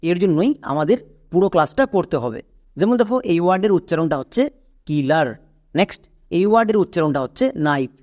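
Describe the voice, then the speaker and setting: A man with a high-pitched voice walks learners through pronunciation rules in a classroom-style lesson. He breaks each word into its letters and repeats each rule. He keeps asking the class questions to check that they follow. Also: animated, quick pace, darkish tone. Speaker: English pronunciation teacher.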